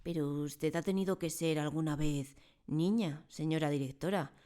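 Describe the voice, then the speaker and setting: Woman reader doing a soft-spoken young teacher, polite and earnest, storybook. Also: sits low, normal speed, natural voice. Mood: pleading. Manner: polite, pleading.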